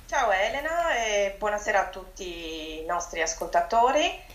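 A woman's voice: medium pitch, animated, normal speed, a bit bright, reverberant. A woman teacher as a radio guest, greeting listeners politely and a little hesitantly. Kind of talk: radio chat.

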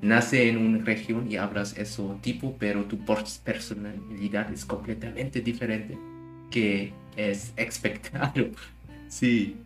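Woman, very low voice, slow, hesitant learner, faint guitar behind. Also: steady tone, reverberant. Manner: curious, hesitant, searching for words. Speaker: language learner. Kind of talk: casual chat, asking questions.

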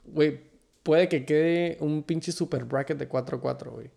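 A man's voice: fairly high pitch, moderate pace, vocal fry, warm tone. A man with a Mexican Chicano accent chatting casually as a co-host, full of street slang and dropping in English phrases. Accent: Mexican Spanish with Chicano flavor. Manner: slangy, code-switches into English. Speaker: sports league podcast co-host. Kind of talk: casual slangy banter about a fantasy league.

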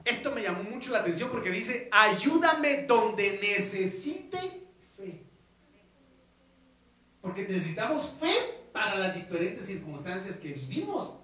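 A male pastor preaching an evangelical sermon, swinging from soft asides to loud, fervent exclamations. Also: sits high, very animated, a little fast, far from the mic. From Guatemala. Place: church hall. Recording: echoey church hall.

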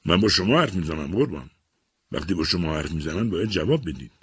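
Man doing persistent army captain lawyer, firm, insistent, very deep voice, breathy, dry. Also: animated, no echo, heavily acted.

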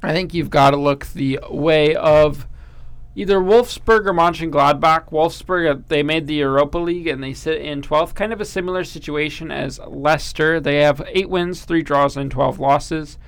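A man's voice: a little high, moderate pace, creaky, clean tone, no room sound. A man co-hosting a casual sports podcast, reading league standings and trading teasing jokes with his co-host. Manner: reads standings and stats in a steady run; jokey, teasing banter.

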